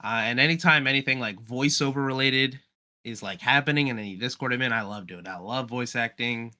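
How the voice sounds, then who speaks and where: A young man who does amateur voice acting chats casually as a guest on a podcast. His medium-pitched voice is brisk and sharp, and he talks in a slangy, enthusiastic way.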